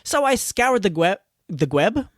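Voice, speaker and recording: A man's voice: sits high, very animated, a little slow, slight background noise. A man hosting a podcast, recording playful, self-mocking outtakes in a hot home garage. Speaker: podcast host. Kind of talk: outtakes, joking self-talk.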